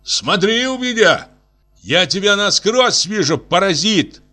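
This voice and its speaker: A man doing a stuttering hothead, pitched high. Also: sing-song, a little slow, a bit bright. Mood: furious. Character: short hot-tempered young stuttering man.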